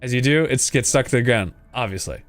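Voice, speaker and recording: A man's voice: medium pitch, expressive, a little fast, a bit bright, no room sound, faint music behind. A man giving a casual, playful game playthrough, reading text aloud and muttering asides to himself. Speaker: gaming video host.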